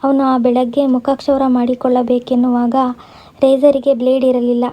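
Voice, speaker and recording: A woman storyteller reading a scripted story in a steady, even way, in a dull lo-fi recording. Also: high-pitched, normal speed.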